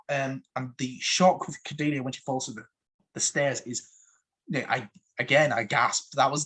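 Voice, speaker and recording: A man's voice: fairly high pitch, husky. A man giving a casual, enthusiastic review of TV episodes, eager and full of fillers. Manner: excitable, fond of "so much fun"; frequent fillers and restarts.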